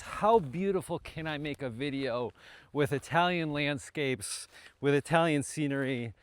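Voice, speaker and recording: Enthusiastic man guiding a countryside tour. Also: a little high. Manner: enthusiastic tour-guide talk with fillers. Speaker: travel and real estate vlogger. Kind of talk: casual travel vlog narration. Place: outdoors in hilly countryside.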